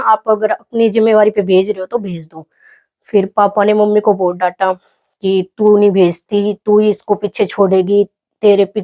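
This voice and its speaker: A young woman from Haryana, telling a personal story in an interview in a soft, reflective, halting way. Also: medium pitch. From Haryana, India. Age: young adult. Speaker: athlete guest.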